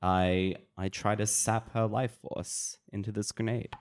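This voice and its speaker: A man playing a tabletop role-playing game, describing his moves casually and haltingly, in fragments. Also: on the low side, flat delivery. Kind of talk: casual improvised game play.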